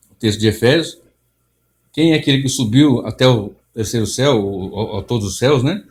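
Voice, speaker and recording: A middle-aged pastor speaks, leading a Bible study. He talks in an emphatic manner, circling back and restarting phrases as he presses his point. His voice sits at an ordinary male pitch. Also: a little mellow. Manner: emphatic, repeats and restarts, mocks others' theatrics.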